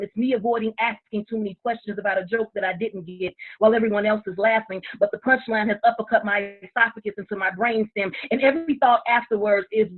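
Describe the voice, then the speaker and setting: Woman, spoken-word poet, measured recitation, choppy freezing video call, thin phone-like audio. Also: mid-range voice. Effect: choppy video call audio that freezes and cuts out. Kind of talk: spoken-word poetry reading. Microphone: computer or phone on a video call.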